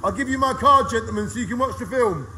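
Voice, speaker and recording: A middle-aged man films himself on his phone, held at arm's length, at an outdoor car wash, playing showman for his viewers. His very high-pitched voice races along in cheerful vlog commentary over background noise.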